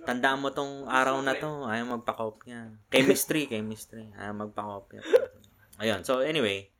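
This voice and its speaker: A man's voice: medium pitch, normal speed, a crowd in the background. A young man co-hosting a casual drinking-session podcast, telling rambling stories full of restarts and fillers. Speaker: podcast co-host.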